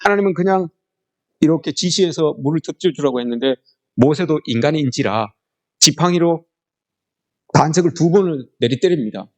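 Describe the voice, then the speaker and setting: A man's voice: fairly high pitch, moderate pace, darkish tone. A man preaching a sermon to his congregation, often turning to address them directly and acting out quoted complaints in a conversational style. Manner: conversational preaching in polite speech. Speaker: pastor.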